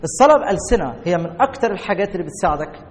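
A man with an Egyptian Arabic accent preaching a sermon as a pastor, emphatic and slowing down to stress key words. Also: sits high, lively intonation. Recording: long reverb of a large hall.

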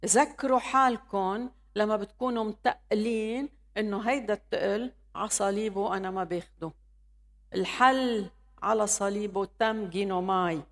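A woman's voice: mid-range voice, normal speed. A woman preaching a sermon, reading scripture and exhorting her listeners with calls of hallelujah. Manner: reads scripture aloud and exhorts, calling hallelujah.

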